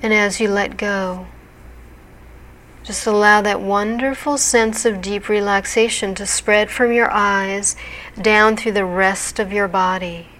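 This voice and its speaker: A woman narrating a guided hypnosis relaxation in a soothing, deliberate, measured manner. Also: mid-range voice, steady tone, fairly bright tone, slight background noise.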